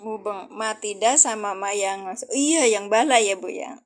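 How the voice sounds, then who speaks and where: A woman, teaching Arabic grammar on a live stream. She talks casually, answers viewers as she goes and slows down to spell out the examples. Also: medium pitch. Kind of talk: casual livestream lesson.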